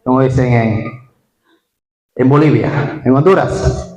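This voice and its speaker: A male pastor preaching a lively sermon, asking his congregation questions directly. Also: mid-range voice, slow pace. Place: church hall; Spain. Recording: echoey church hall.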